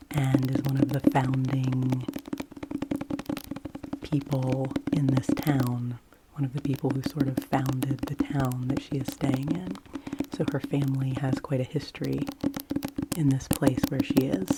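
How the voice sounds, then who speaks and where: A woman talking about books in a soft-spoken, hushed ASMR style close to a library whisper, gently delivered. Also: very deep voice, heavy background noise. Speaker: book reviewer.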